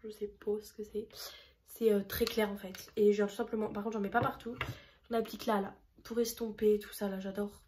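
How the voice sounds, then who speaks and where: A woman's voice: medium pitch, little pitch movement, brisk, dark tone, slight background noise. A young woman chatting casually and a little rambly while doing her makeup for a vlog tutorial. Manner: chatty, rambling, self-deprecating. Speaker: beauty vlogger.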